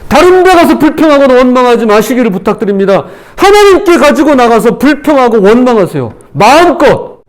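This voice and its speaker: A male pastor preaching a sermon in an animated way, acting out the speech he quotes with feeling. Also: very high-pitched, brisk. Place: church.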